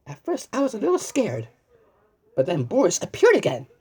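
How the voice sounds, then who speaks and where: Her mid-range voice has a darkish tone, a breathy edge and huge swings in pitch. She animatedly reads a kids' storybook aloud, exclaiming and questioning the listener with pauses as if answered, and she frequently stumbles and repeats words amid asides to the viewer.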